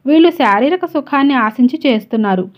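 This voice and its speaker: A woman's voice: sits high, animated, fairly quick. A woman voicing an earnest, outspoken young working woman with a forthright way of talking. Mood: indignant. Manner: indignant, outspoken. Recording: dull lo-fi recording.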